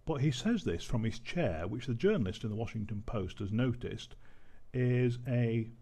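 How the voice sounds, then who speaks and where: A man's voice: mid-range voice, expressive, moderate pace, mellow, breathy edge. A man giving casual commentary as a vlogger, amused and often breaking into laughter while he reads out a news article.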